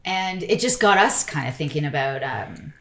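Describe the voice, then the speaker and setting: Low-voiced chatty woman architect. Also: animated, normal speed, a bit bright. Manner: chatty, rambling, full of "like" and "you know". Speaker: architect guest. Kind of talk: casual interview chat.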